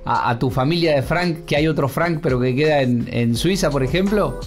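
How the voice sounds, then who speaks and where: A man's voice: fairly high pitch, moderate pace, soft background music. Man, casual interviewer. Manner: casual, short questions and asides.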